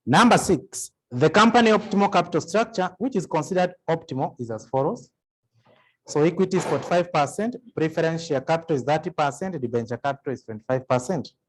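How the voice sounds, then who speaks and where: A man's voice: on the high side, brisk. A man giving an accounting revision lecture, working through sums aloud and putting questions to the class. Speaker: accounting tutor.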